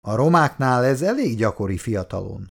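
A man voicing a jovial army lieutenant who teases his friend loudly and heartily in an audiobook. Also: mid-range voice, big pitch swings, gravelly, voice pushed up. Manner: loud, mocking, hearty. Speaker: platoon lieutenant.

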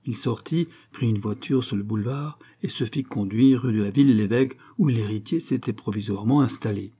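A man narrating a novel in measured audiobook style. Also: on the low side, mellow, husky.

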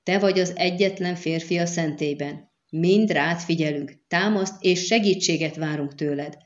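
Hot-tempered sorceress, woman reading her, sharp and scolding, low-ish voice, dull audio. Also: close to an everyday voice. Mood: tense. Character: fierce young female sorceress, hot-tempered.

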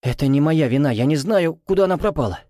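Guy doing a scared flustered man, babbling, higher and strained. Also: animated, moderate pace, a little mellow, no room sound, close to an everyday voice. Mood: nervous. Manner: babbling, nervous. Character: flustered, frightened man caught lying.

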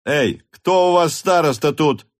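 A man voicing a furious young male hussar officer who shouts commanding orders in an audiobook. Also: fairly high pitch, a little slow, voice pushed up, natural voice. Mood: furious shouting.

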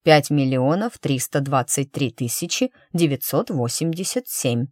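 A woman's voice: extremely low pitch, animated, measured pace, a little mellow, dry recording, clean studio sound, exaggerated voice. A woman reading an audiobook voices an awkward young man, a court clerk who talks in a stiff, flustered way.

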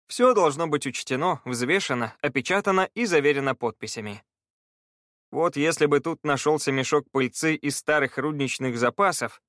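A man reading an audiobook, voicing a cheerful, practical male treasure hunter in a raised, lively voice. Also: a little high, dry recording, studio quality.

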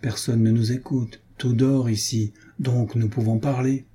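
A man's voice: mid-range voice, fairly even intonation, unhurried, breathy edge. A man doing a frightened young duke murmuring. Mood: hushed. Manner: murmuring, hushed. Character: proud young male duke, frightened and secretive.

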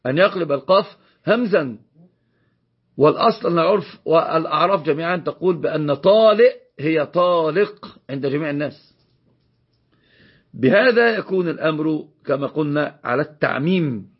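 A man with an Egyptian Arabic accent teaches a religious law lesson, explaining a text and repeating key phrases for emphasis. His voice is a little high with a breathy edge, and the audio sounds dull.

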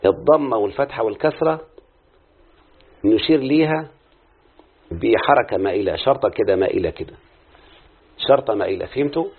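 Over a tinny, phone-like lo-fi recording, a man with an Egyptian Arabic accent teaches prosody to his pupils, drawing out syllables while explaining. His fairly low, breathy voice is expressive and a little quick, with frequent pauses.

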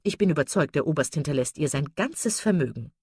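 A woman's voice: sits low, animated, brisk, mellow, husky, dry recording, clean studio sound. A woman voicing a gossipy, prying older woman in a read-aloud novel, eager and nosy.

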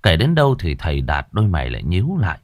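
A man's voice: low-pitched, wildly swooping pitch, quick pace, a little mellow, no echo, studio quality. Dramatic male ghost story narrator.

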